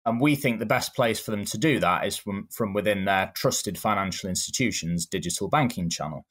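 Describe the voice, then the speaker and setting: Manchester man answering, low voice. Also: fairly bright tone. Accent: Manchester English. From England. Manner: frequent ums, measured and explanatory. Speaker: guest. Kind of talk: conversational interview answers.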